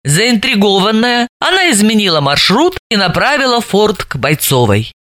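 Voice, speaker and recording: A woman narrating an audiobook in an expressive, lively reading. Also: mid-range voice, moderate pace, no room sound. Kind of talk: scripted narration.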